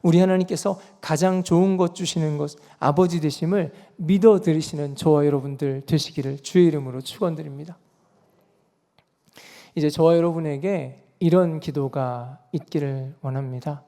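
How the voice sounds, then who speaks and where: A man's voice: fairly high pitch, steady tone, normal speed, dark tone. A male pastor giving an earnest dawn prayer sermon, voice rising for emphasis. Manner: earnest preaching with emphatic rises. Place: church sanctuary. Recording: reverberant church sanctuary.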